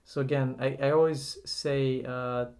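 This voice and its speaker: Brief: nutrition coach from Portugal, flat delivery, reflective and measured, many "uh"s. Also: male voice, medium pitch. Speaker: nutrition coach, podcast guest. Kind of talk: casual conversational podcast.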